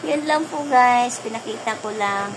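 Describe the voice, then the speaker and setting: Woman, Filipino accent, casual vlog chat, higher-pitched, noisy recording with mains hum. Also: normal speed. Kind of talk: casual vlog chat about her pets.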